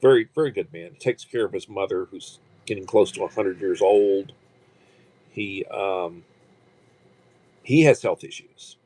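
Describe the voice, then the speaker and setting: This livestream host is a man in his sixties with a deep, mellow voice, captured on a low-quality recording. His talk is casual and rambling, full of fillers and repeated restarts.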